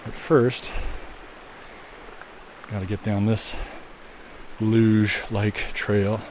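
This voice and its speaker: A man walking a snowy trail outdoors and chatting casually to his viewers, relaxed and musing, with a mic on the camera. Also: on the low side, extremely slow. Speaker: walking video host. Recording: outdoor recording with stream noise.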